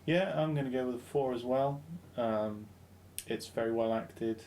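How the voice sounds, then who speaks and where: A man's voice: medium pitch, normal speed, a little mellow, a little hiss or hum. A man from London hosting a casual film review podcast, joking and often laughing as he talks. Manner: jokey, often laughing, loose and rambling. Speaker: podcast host.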